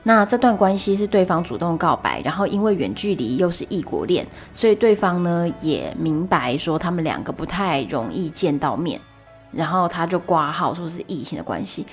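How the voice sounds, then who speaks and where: A young woman hosts a solo podcast, telling stories in a chatty, animated way and stopping for exasperated asides. Her voice sits fairly low for a woman. Faint music plays underneath her. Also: moderate pace. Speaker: podcast host.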